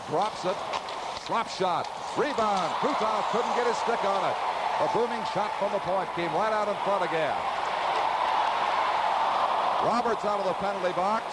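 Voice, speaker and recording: A man calling live ice hockey play-by-play as a commentator on an old, noisy arena broadcast. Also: sits high.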